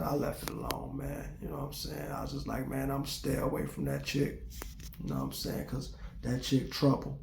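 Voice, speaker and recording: A man in his forties telling a story straight to his viewers, profane and animated. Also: medium pitch, reverberant. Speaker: vlogger. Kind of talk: casual storytelling rant to viewers.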